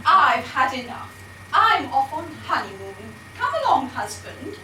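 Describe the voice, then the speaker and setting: Echoey, far-off stage recording of a woman as a bossy pantomime royal bride. Her high voice swoops about as she scolds theatrically in an exasperated, imperious way. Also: sing-song, a little slow, pushed and bright, a little hiss or hum, exaggerated voice. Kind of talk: broad amateur pantomime stage acting. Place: hall stage, distant microphone, audience behind.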